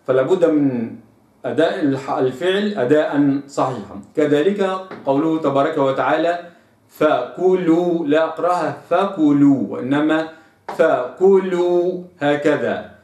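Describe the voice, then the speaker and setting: A man's voice: on the high side, a little mellow. Roomy, distant man teaching recitation. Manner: deliberate, drills single syllables and contrasts right and wrong readings. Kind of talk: tajweed pronunciation lesson. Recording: echoey room, mic at a distance.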